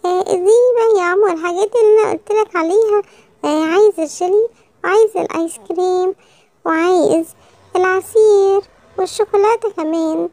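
A woman's voice: fast, mellow, no echo. A woman voicing a greedy little boy monkey with an Egyptian Arabic accent, whiny and childish in a children's storybook. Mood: pleading. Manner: whiny, wailing, squeaky childish voice.

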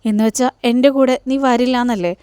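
An indignant young wife who warns and threatens, as a woman reads her lines. The voice is fairly high. The sound is close and dry. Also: fairly even intonation, a little fast, warm tone, clear, resonant tone, no echo, natural voice. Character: angry defensive young wife.

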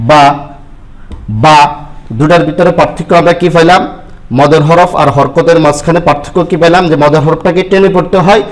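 Man slowly teaching Arabic letter sounds. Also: a little high, rough recording. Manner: repeats syllables slowly for the listener. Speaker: Quran reading teacher. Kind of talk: step-by-step lesson with spoken examples.

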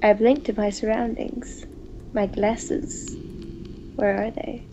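Reading visual novel narration in a flat, slow, medium-pitched voice, a playful gaming video host breaks for casual chat and now and then stumbles on the text. It's recorded on a home microphone that sounds muffled and noisy.

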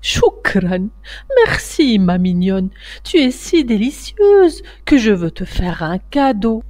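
Storybook ogress, old and scheming, sweet-talking then menacing, slow and swooping, voiced by a woman reader. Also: medium pitch, very animated, a little mellow, no echo. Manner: wheedling then menacing, drawn-out words.

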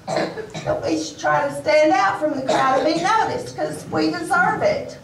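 A woman's voice: high voice, a little slow, vocal fry, a crowd in the background. A woman playing a sheepish country grandchild in an amateur church play. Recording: noisy roomy hall, mic far off.

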